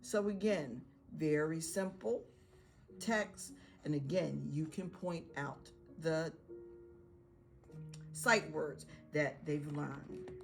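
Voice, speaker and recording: Gravelly-voiced teacher talking to parents. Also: female voice, sits low, drawn-out words, long pauses, faint music behind. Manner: encouraging, acts out parent-child dialogue. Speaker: pre-K teacher. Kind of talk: instructional video for parents.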